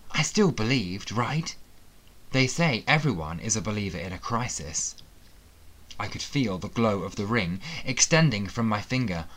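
A man with a fairly low voice reads a fantasy thriller audiobook in the first person. His delivery is steady and dramatic, built for storytelling. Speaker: audiobook narrator. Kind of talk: first-person scripted narration.

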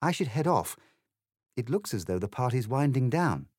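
A man's voice: mid-range voice, very animated, normal speed, dry recording, pitched above the performer's own voice. Man doing a prim young english girl, polite, reproving, raised and lilting, dry sound. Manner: proper and gently reproving.

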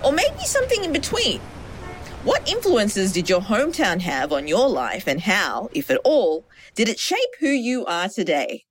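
Lively-voiced woman hosting a podcast. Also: mid-range voice, moderate pace, slight background noise. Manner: scripted narration with asides and light laughter. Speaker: podcast host. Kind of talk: scripted narration and interview.

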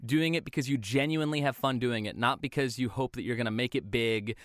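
A man's voice: mid-range voice, brisk, dry recording, clean studio sound. A young man, a voice actor, chatting casually as a guest on a podcast, laughing often.

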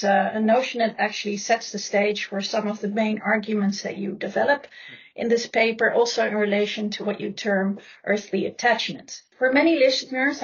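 A woman hosting an academic podcast, giving a formal introduction and asking measured questions. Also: mid-range voice, slightly rough, lo-fi sound. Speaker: podcast host. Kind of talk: podcast interview.

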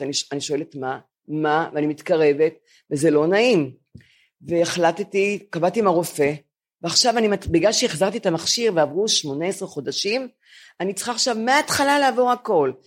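An older woman in her seventies tells comic stories about getting old, mocking herself with animated swings in her voice. She co-hosts a chat podcast taped live in front of building residents. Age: 70s. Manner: animated, self-mocking, lively jumps in pitch. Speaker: podcast co-host.

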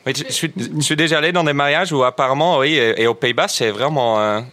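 A man's voice: fairly high pitch, fast talker, fairly bright tone. A man from the Netherlands, speaking French on a radio panel and telling wry anecdotes. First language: Dutch. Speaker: radio columnist. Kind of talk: casual radio panel chat.

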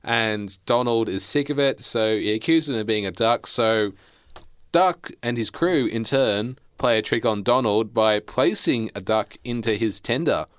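A man's voice: lowish voice, measured pace, clear, resonant tone, no echo. A young man co-hosting a podcast, chatting casually, laughing often and tripping over his words. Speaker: podcast co-host. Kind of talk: casual chat.

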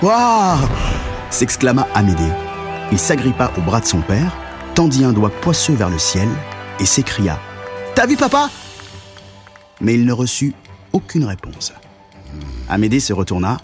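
Man, children's story narrator, very lively intonation, expressive, faint music behind. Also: on the low side, normal speed. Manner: expressive, swelling at the exciting moments.

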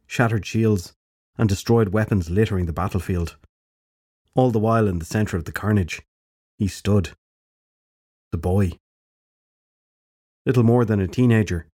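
A man narrating an audiobook fantasy story in a measured storytelling manner. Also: on the low side, mellow.

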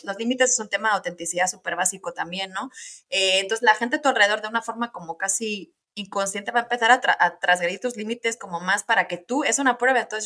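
Bright-voiced woman. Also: a little high. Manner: energetic, chatty, peppers speech with "ok" and "¿no?". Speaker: podcast guest, neuropsychologist and coach. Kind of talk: conversational interview.

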